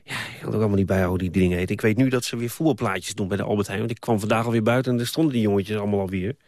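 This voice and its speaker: Friendly radio host, dry studio sound. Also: male voice, fairly low pitch, racing, darkish tone, dry recording. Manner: friendly, hesitant with fillers. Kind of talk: late-night call-in chat. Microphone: studio mic.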